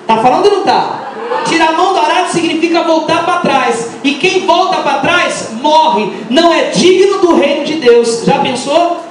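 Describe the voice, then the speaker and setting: A middle-aged woman with a Brazilian accent preaching an impassioned Pentecostal sermon, firing rhetorical questions and breaking into shouts. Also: high voice, expressive, normal speed, slight background noise. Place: large church hall. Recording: echoey church hall, mic far off.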